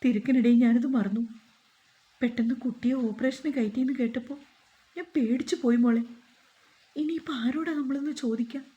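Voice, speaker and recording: A woman's voice: high voice, steady tone, a little fast, long pauses, mellow, dull audio, pitched above the performer's own voice, lightly acted. A woman voicing an older grandmother who weeps and prays in fear for her family. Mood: tearful, pleading. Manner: wailing, praying, pleading.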